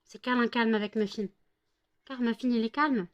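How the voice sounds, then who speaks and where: French woman vlogger, higher pitch, playful pet-talk, teasing and cooing. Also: fairly even intonation, normal speed, dull audio. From France. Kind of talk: casual chat to her dogs.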